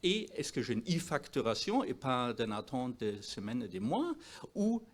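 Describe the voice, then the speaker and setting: Guy doctor giving a talk in french w a foreign accent, not native, really animated pitch, stresses points, hunts for words. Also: normal speed. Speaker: doctor presenting at a health conference. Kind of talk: presentation to an audience.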